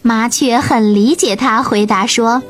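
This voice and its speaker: A woman narrating a children's bedtime story, gentle, clear and expressive. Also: a little high, measured pace. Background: soft music.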